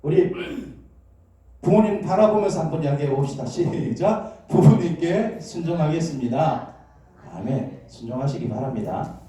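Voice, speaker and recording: A pastor with a medium-pitched, dark-toned voice and big pitch swings preaches at normal speed in a church sanctuary. Through questions and prompted amens, he draws the congregation into call-and-response. The sound is echoey, taken on a distant mic.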